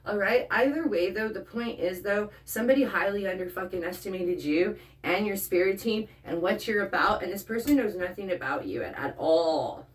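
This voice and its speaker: A woman's voice: mid-range voice, normal speed, few pauses. A woman giving a casual tarot reading straight to the viewer, blunt and profane, often checking in with "okay?". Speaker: tarot reader. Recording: voice a bit far from the mic.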